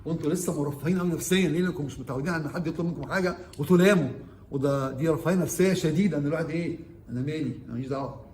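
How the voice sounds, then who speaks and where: A fast-talking Egyptian man with a slightly high voice lectures interns as their surgeon. He quizzes the room and switches between Arabic and English terms. The recording is roomy and echoey, with faint ambience underneath. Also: darkish tone, slight background noise. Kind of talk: orientation lecture.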